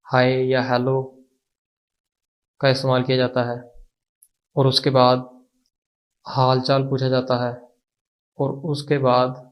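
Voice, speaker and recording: Slow, patient Pakistani male teacher. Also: mid-range voice. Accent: Pakistani Urdu. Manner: slow, patient, repeats words for drill. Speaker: language teacher. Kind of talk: online language lesson.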